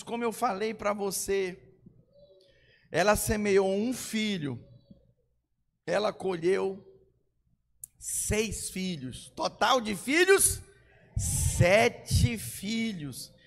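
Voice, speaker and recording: A man, swinging between hushed asides and shouted exhortation. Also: high-pitched. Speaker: pastor. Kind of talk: sermon.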